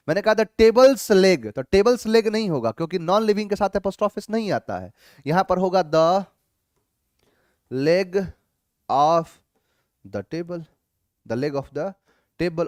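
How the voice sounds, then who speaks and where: A man teaching an English grammar class, reading each sentence slowly and then explaining it in a mix of two languages, sometimes calling students "babu". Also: fairly high pitch, dry recording, clean studio sound. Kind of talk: online class going over grammar answers.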